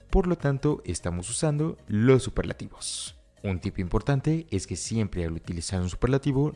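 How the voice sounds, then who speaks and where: A man explaining grammar rules step by step as a teacher, reading example phrases slowly and carefully. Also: lowish voice. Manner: explains step by step, often repeating "si observaste bien" and "por lo tanto". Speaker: English teacher. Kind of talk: scripted Spanish-language grammar lesson. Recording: soft music underneath.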